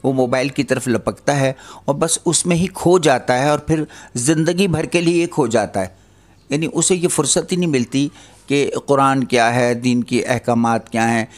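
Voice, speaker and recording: An older man giving an earnest religious lecture, admonishing his listeners and posing rhetorical questions. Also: mid-range voice. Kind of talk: Islamic lecture on parenting.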